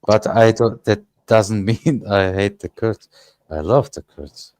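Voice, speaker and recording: A man, speaking English as an in a casual panel chat and often pausing to search for words. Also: fairly low pitch, a little mellow, dry recording. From Germany. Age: 30s. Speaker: panel guest.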